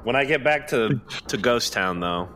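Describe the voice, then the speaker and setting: A man's voice: mid-range voice, lively intonation, moderate pace, bright, forceful tone, a little hiss or hum. A man playing a tabletop game, goofy and laughing. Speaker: player. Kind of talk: casual tabletop play.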